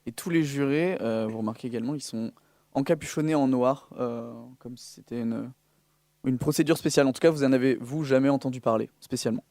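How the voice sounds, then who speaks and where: A man with a dark, mellow, mid-pitched voice runs a tabletop game. He improvises the narration in halting pieces as game master, and the recording is very dry. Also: no room sound. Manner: hesitant, piecemeal phrasing.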